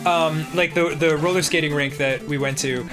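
His pitch sits on the high side and his speed is normal. He's a New Jersey co-host on a gaming show, spinning easygoing stories amid game music, laughing often and acting out what others said with real animation.

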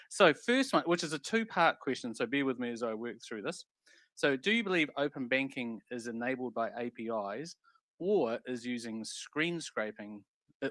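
A man's voice: medium pitch, a bit bright, no echo, rough recording. A man moderating a panel discussion on a conference stage, speaking into a handheld mic in an upbeat, chatty way.

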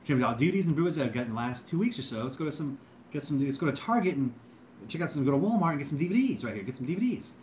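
An eager, hyped-up young video presenter, as a man puts him on rambles on in a raised, excited voice. He trips over his words as he rushes ahead. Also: a little high, roomy sound, slight background noise, pitched above the performer's own voice, close to an everyday voice.

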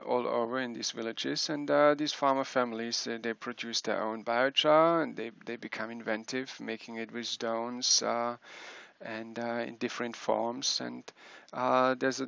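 A middle-aged man giving a conference talk over a video call from a small wood-panelled room, speaking haltingly with many fillers and restarts. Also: medium pitch, gravelly, fairly bright tone, smooth, no echo. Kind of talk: remote slide presentation. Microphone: headset on video call. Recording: muffled video call audio.

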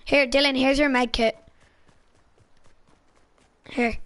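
A woman with a high, sharply bright voice chats with her squad mid-game. She fires off loot callouts and excited little cheers in short bursts, casual and unscripted. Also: no echo. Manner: excitable, quick exclamations and callouts. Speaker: gamer streaming her own play. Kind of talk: casual gaming chat with teammates.

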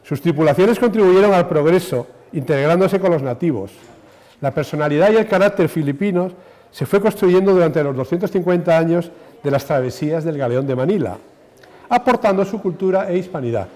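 A man in his sixties reads a formal introduction from a lectern. His voice is very mellow and soft-edged, pitched a little high for a man. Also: expressive, fairly quick. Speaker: presenter introducing speakers. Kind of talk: formal scripted address. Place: indoor conference stage at lectern. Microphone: lectern microphone.

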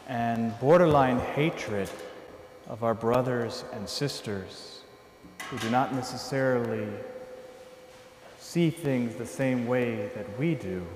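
A man in his thirties, a priest, delivering a sermon from a lectern in a large church, with measured, earnest, emphatic phrasing. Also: medium pitch, a little hiss or hum. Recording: echoey church hall from a distance.

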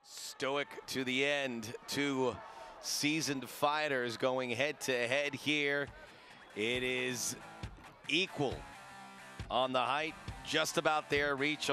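A man giving live play-by-play commentary for a combat sports broadcast. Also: medium pitch.

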